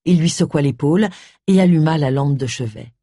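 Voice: medium pitch, a little fast, mellow, no echo, clean studio sound. A reader narrating a story expressively, giving each character a voice. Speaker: audiobook reader. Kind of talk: scripted narration.

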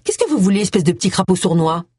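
A woman voicing a sharp-tongued, grumpy middle-aged amateur sleuth in an audiobook, blunt and acerbic. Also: on the low side, very animated, fast, breathy edge, dry recording, clean studio sound.

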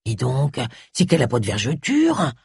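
A woman's voice: very deep voice, wildly swooping pitch, normal speed, darkish tone, dry recording, clean studio sound, voice pushed down, heavily acted. A woman voicing a coarse, leering old man from a village in an audiobook. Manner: gruff, coarse country speech.

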